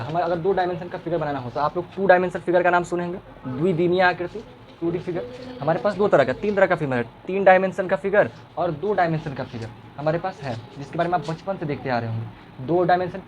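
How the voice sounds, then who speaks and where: A male schoolteacher, teaching a classroom lesson and teasing and quizzing his pupils. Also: a little high.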